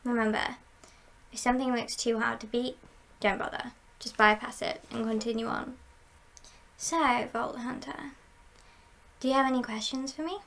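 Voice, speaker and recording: A woman playing a confident, scheming female heist boss in an ASMR role-play, speaking in a measured, playful and conspiratorial way with a creaky voice. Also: fairly high pitch, fairly even intonation, a bit bright. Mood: conspiratorial, commanding.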